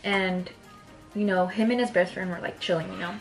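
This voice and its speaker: A woman's voice: mid-range voice, steady tone, moderate pace, music in the background. A young woman vlogger telling a story in a casual chat, often checking in with "right?".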